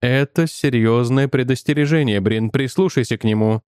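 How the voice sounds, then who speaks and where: A man voicing a stern, mocking inner voice that urges a troubled man toward violence, speaking low and slow. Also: a little mellow, smooth, no room sound, studio quality, natural voice. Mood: insistent. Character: stern menacing inner voice, male, urging violence.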